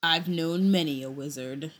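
A woman's voice: deep voice, measured pace. A woman voicing a huge bearded half-giant traveler in an amateur audio reading, blunt at times and bashful at others, heard a little away from the mic. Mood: grim.

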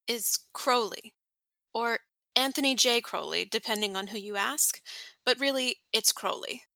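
For a fan audiobook, a woman voices a nervous, fond male demon who halts, fumbles and corrects himself as he talks. It's a full character voice, pitched above her own, on the high side, creaky, bright and forceful, with no echo.

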